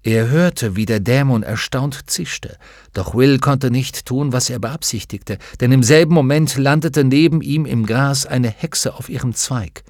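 A man narrating a fantasy audiobook in a measured, expressive reading. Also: medium pitch, no echo, clean studio sound. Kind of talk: scripted narration.

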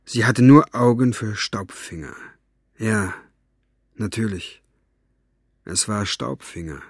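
A man reading an audiobook with expressive storytelling narration. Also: on the low side, slow pace, breathy edge, no echo, clean studio sound. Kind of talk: scripted narration.

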